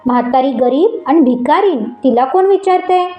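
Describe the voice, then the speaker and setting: A woman's voice: sits high, animated, moderate pace, warm tone, roomy sound, faint music behind. A woman voicing an angry, proud poor old woman who scolds in an indignant way.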